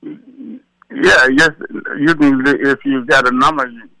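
Gravelly older man, easygoing. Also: mid-range voice, sharp tone, poor audio. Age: 70s. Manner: slow, easygoing, repeats words. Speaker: guest, retired boxer. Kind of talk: casual phone interview.

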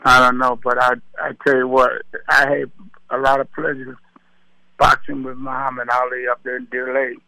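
Gravelly older man, easygoing. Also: medium pitch, monotone, pushed and bright, no echo, poor audio. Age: 70s. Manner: slow, easygoing, repeats words. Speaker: guest, retired boxer. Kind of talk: casual phone interview.

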